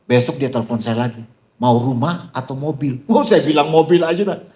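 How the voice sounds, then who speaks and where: A man's voice: medium pitch, normal speed. A male pastor preaching, telling stories with humor, often laughing and calling out to the congregation, with a flavor. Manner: storytelling with humor, laughing, addressing "saudara"; animated, voice rising when excited. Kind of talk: sermon.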